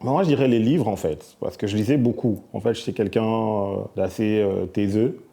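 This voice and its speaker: A middle-aged man from Belgium, answering interview questions in a soft-spoken, hesitant way with many fillers. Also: lowish voice, normal speed, vocal fry. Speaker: musician guest.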